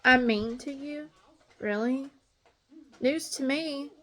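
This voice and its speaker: Angry high-voiced woman venting. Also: takes it slowly, fairly bright tone, faint music behind. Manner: angry, blunt, ranting. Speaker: stepmom vlogger. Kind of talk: casual venting monologue.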